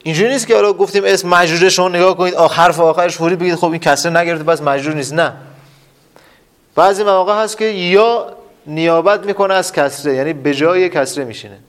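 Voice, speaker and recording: A man teaching a class, quizzing students with repeated questions and drilling terms emphatically. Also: sits high. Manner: repetitive quizzing, asks and answers his own questions. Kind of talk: classroom lesson.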